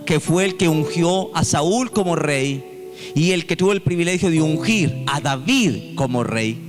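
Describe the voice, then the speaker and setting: A man's voice: on the high side, expressive, a little slow, over music. A man preaching a sermon in a church, reading scripture aloud and rising into sung, pleading prayers. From Colombia. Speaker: pastor.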